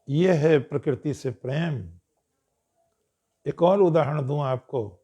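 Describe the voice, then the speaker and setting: A man giving a storytelling discourse to an audience, speaking in a measured way and clearing his throat now and then. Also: a little high, mellow.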